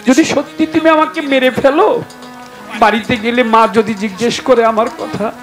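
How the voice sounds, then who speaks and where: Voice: mid-range voice, lightly acted. A folk ballad performer voicing a young girl tearfully begging her father for her life, with instruments behind.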